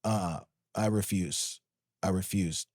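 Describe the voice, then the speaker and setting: A man's voice: low-pitched, slow, darkish tone, no room sound. Storybook figure: a pleading, stammering young wife, voiced by a man reading, tearful, with a dry close sound.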